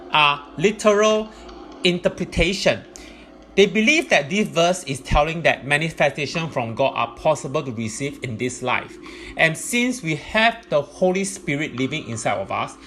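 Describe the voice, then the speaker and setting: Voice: medium pitch, a bit bright, slight background noise. A presenter giving explanatory religious teaching in a methodical, point-by-point way.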